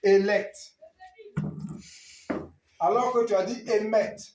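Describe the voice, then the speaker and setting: A man teaching a Hebrew class, quizzing students on words and gently correcting them. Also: high-pitched, fairly even intonation, takes it slowly, echoey room, rough recording. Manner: questioning and correcting students, encouraging. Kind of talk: classroom lesson.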